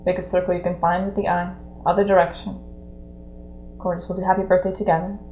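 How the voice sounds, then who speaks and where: A woman practitioner gently leading a client through an EFT tapping session, speaking short phrases for her to repeat. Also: lowish voice, fairly quick, echoey room, slight background noise, poor audio. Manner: gentle, calm, leads phrases for repetition.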